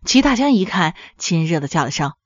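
A woman narrating a folk story in an expressive, sing-song storybook manner. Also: on the low side, fairly quick, dry recording, dull audio.

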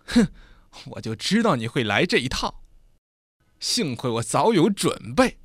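A man voicing a menacing, domineering man fresh out of prison who bullies and sneers in a loud voice. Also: on the high side, very animated, a little slow, husky, dry recording, studio quality, full character voice. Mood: sneering.

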